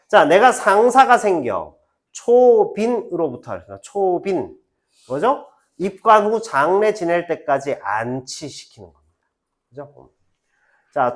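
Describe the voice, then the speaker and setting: Middle-aged male literature teacher, high and animated, chatty lecture style. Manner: animated, chatty asides, acts out quoted lines. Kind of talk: lecture to high school students.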